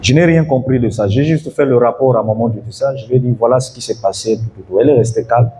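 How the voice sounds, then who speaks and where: A man's voice: mid-range voice, fast, dark tone, breathy edge. A pastor preaching an evening sermon, telling a story and calling out to his congregation to follow him.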